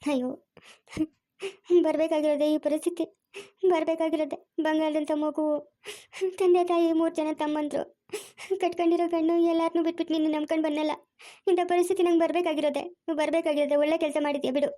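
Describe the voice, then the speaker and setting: A woman's voice: high voice, level tone, fast, pauses often, warm tone, lightly acted. A woman acting a regretful young woman in an amateur family drama, wailing and blaming herself. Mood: lamenting. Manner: wailing, self-reproaching. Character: young woman who ran off, full of regret.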